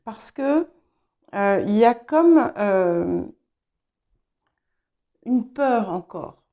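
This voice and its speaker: A woman giving a spoken tarot reading, hesitant and filling pauses as she talks. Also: medium pitch, lively intonation, mellow, muffled recording. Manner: hesitant, many fillers and restarts. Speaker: tarot reader. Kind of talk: casual spoken tarot guidance.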